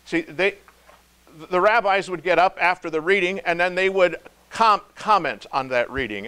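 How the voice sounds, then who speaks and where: A male pastor giving a devotional sermon, emphatic, slowing to stress key words and dropping low and soft. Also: smooth. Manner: emphatic, slow stress on key words, wide swings in loudness.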